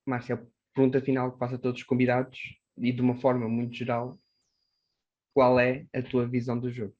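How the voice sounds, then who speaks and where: A man from Portugal, hosting a casual interview and asking relaxed questions. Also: mid-range voice, fairly quick. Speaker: podcast host.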